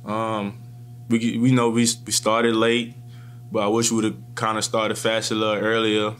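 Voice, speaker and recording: A college football player in his twenties, with a lowish voice, fields post-game questions in a press room before a sponsor backdrop. He talks into the table microphones in front of him, calm and measured, though he often restarts his sentences.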